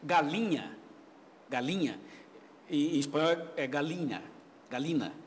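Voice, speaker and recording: Brazilian pastor answering questions, reverberant room. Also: male voice, fairly high pitch, animated, unhurried. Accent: Brazilian Portuguese. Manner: warm, explanatory, chatty, laughs easily. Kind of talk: answering viewer questions on a live video chat. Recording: reverberant studio with faint ambient noise.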